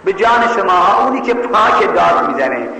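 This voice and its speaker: A man's voice: high voice, big pitch swings, creaky, bright, forceful tone, a little hiss or hum. A man with a Mashhad accent preaching a sermon, telling a story and scolding his listeners emphatically. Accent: Mashhad Persian. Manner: emphatic, scolding, acts out voices. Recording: echoey hall with long reverb, faint ambience.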